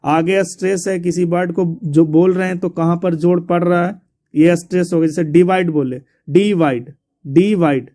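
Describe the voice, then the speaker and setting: A man's voice: high-pitched, little pitch movement, normal speed, mellow. A man teaching an exam syllabus, repeating points and spelling words out letter by letter. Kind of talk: explaining a syllabus to students.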